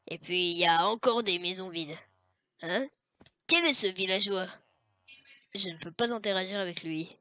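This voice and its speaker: A woman narrating a parody horror game playthrough in a strained put-on voice, deadpan and mock-scary with sudden shrieks and whispers. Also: fairly low pitch, no room sound. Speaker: gameplay commentator. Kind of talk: parody horror let's-play commentary.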